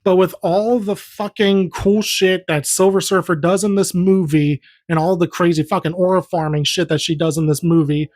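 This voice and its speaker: A man's voice: high-pitched, flat delivery, moderate pace, few pauses, darkish tone. A young man giving a heated, profane, rambling movie review in a casual vlog. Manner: heated, profane, repetitive ranting.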